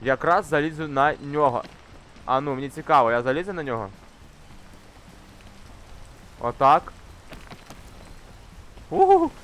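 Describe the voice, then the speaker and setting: A young man commenting casually on a climbing game he plays, swearing often and shouting when things go wrong. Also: medium pitch, quick pace, a little hiss or hum. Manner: swears constantly, shouts in frustration while climbing. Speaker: gamer. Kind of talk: casual let's-play commentary. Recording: faint game music behind.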